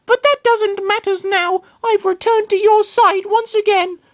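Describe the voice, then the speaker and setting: A man voicing a loyal male Lucario creature in a high, squeaky falsetto. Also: fairly even intonation, measured pace. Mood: earnest.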